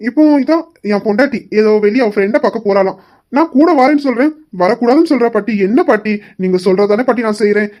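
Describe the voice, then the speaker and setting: A woman with a natural, somewhat high yet darkish voice acts as a young husband insisting on joining his wife. Teasing and headstrong, he coaxes her in a sugary, mocking way, dragging out every plea.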